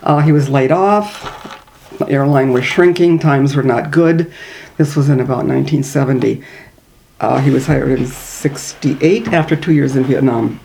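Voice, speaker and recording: A woman's voice: rumbling low, a little slow, creaky, mellow, slight background noise, low-quality recording. An older woman from northern Minnesota with a Minnesota accent, telling stories in an oral history interview, chatty and laughing between them.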